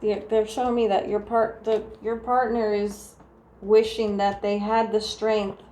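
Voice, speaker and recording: A woman with a New Jersey accent doing a casual tarot reading, talking softly and meandering through restarts. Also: medium pitch, level tone, measured pace. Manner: soft, meandering, full of restarts and "like". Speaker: tarot reader. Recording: echoey room with faint ambient noise.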